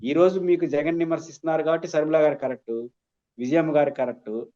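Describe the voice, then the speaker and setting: A man's voice: on the high side, fairly even intonation, quick pace, warm tone, lo-fi sound. A man, a political analyst, giving emphatic and argumentative commentary as a guest in an interview.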